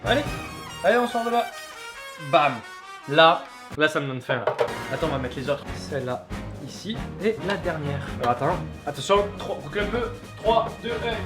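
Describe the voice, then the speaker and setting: A man chatting casually to camera in a cooking vlog, excitable and playful, often repeating words in a slangy, mock-boastful way. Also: fairly high pitch, normal speed, over music. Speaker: vlog host and amateur cook.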